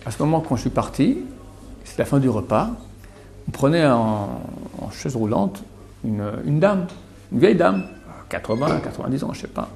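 A man's voice: medium pitch, very animated, normal speed, creaky, darkish tone. A middle-aged man teaching a sermon to a small audience, emphatic and repetitive, dropping to murmurs then rising again. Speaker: religious teacher.

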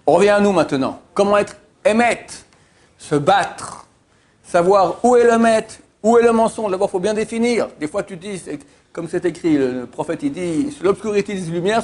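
His voice sits high and moves a little fast. In this informal Torah class the teacher shares anecdotes in an animated way, with emphatic repetition. He hesitates frequently and keeps saying "euh."

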